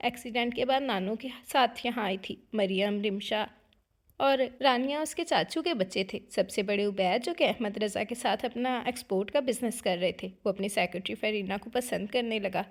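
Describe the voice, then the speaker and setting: A woman narrating a romance novel as a smooth, expressive audiobook reading. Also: medium pitch, moderate pace.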